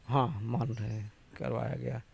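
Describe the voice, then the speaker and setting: A man's voice: mid-range voice, flat delivery, unhurried, creaky, crowd noise. A man, answering informally as a government officer being interviewed. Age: 50s.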